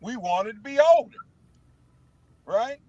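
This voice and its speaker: A man, an animated guest telling stories in casual chat, stammering and restarting, from a parked car. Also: extremely high pitch, slow, dry recording. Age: 50s. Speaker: musician guest. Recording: dull lo-fi sound.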